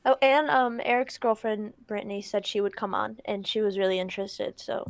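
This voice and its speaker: A woman chatting casually on a group stream, reacting with animated exclamations. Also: medium pitch, fairly quick, a little hiss or hum. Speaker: streamer co-host.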